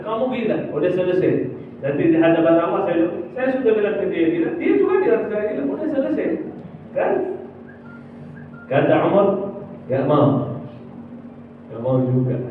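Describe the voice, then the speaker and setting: High-voiced guy preaching, heard from far back, tinny and super echoey. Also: slight background noise. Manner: animated, acts out dialogue, drawn-out chanted phrases. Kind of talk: sermon storytelling. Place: mosque hall. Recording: distant, phone-like, very echoey hall.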